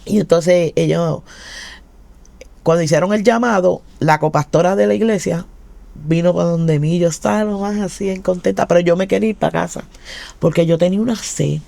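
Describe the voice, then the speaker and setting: Puerto rican woman telling her testimony, gravelly voice, acts out the dialogue, dry close sound. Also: on the low side, moderate pace, no echo. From Puerto Rico. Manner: animated storytelling, acting out quoted dialogue. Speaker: guest giving testimony. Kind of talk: casual spoken testimony.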